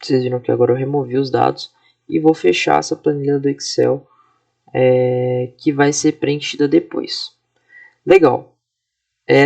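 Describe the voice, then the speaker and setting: A man in his twenties from Brazil, a student walking through his software project in a casual, explanatory way, often checking in with his listeners. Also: medium pitch, gravelly. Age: 20s. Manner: casual, explanatory, frequent fillers and tag questions. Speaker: student presenting a class project. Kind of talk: screen-recorded software walkthrough.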